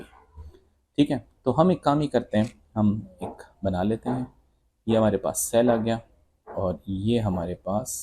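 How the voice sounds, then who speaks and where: A man's voice: lowish voice, warm tone, slightly rough. A man teaching physics, working through exam questions step by step and calling his students "beta" and "bhai". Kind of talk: exam solution walkthrough lesson.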